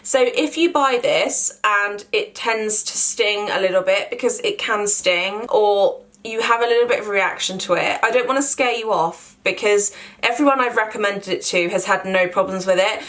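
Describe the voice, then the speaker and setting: A beauty vlogger in her twenties gives a chatty skincare review at a moderate pace, her medium-pitched voice a bit bright. She often doubles words for emphasis and fills pauses with "like".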